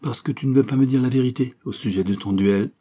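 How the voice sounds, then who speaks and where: A man voicing a haughty, sharp-tongued young sister in a read novel, with cutting, curt replies. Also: medium pitch, fast talker, voice pushed up, natural voice.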